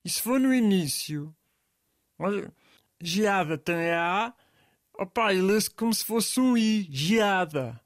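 A man's voice: sits high, slow pace, long pauses, no echo, clean studio sound. A man with a European Portuguese accent in comic scripted banter, asking puzzled questions and giving in easily.

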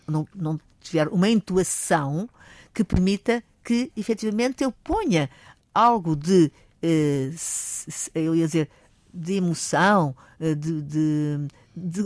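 A woman's voice: sits low, no echo. An older woman professor with a European Portuguese accent, explaining and telling anecdotes hesitantly. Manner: hesitant, animated storyteller. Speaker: language professor, guest. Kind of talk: radio conversation.

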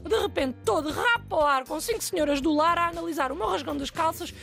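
A young woman with a European Portuguese accent telling a self-mocking comic story in a lively, animated way. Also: very high voice, quick pace, vocal fry, over music. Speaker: guest storyteller. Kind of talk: comic anecdote, casual chat.

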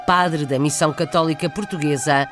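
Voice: mid-range voice, fairly even intonation, moderate pace, loud music behind the voice. A news presenter reading a scripted introduction in a formal manner.

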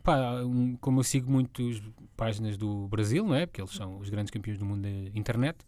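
A man hosting a casual podcast chat, joking and rambling with quick asides. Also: on the low side, dark tone, dry recording.

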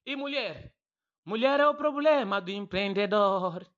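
A male comedian voicing a calm, wise old grandfather who speaks slowly and gently. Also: high-pitched, muffled recording. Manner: slow, unhurried, gently teasing.

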